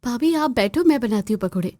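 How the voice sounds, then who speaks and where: A woman's voice: a little high, expressive, fairly quick, dark tone, dry recording, pitched above the performer's own voice, lightly acted. A woman doing a young, polite, fed-up daughter-in-law. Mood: polite exasperated. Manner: polite, pleading, exasperated.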